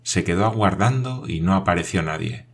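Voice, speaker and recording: Man, very low voice, measured audiobook narration, steady delivery. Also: husky.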